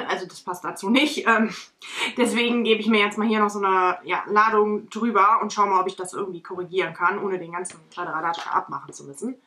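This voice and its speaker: A woman's voice: on the high side, pushed and bright. A young woman chatting casually through a makeup tutorial, rambling with lots of fillers, filmed by a camera at desk distance at home. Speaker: beauty vlogger. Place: bedroom or home studio, indoors.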